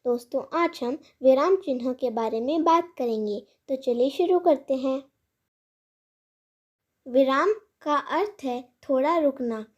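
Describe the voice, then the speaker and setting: Woman, high voice, very slow delivery; channel host reading a kids' grammar lesson, each rule and example set out clearly. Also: a little mellow. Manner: measured, clearly paced recitation of rules and examples.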